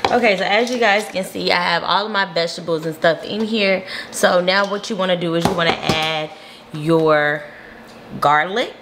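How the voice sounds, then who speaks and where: Young woman w/ talking thru her recipe, kinda low voice, sizzling pan and loud kitchen noise behind. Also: steady tone, normal speed. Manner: chatty, explains each step to viewers. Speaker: cooking vlogger. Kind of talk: casual cooking demo. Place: home kitchen, indoors.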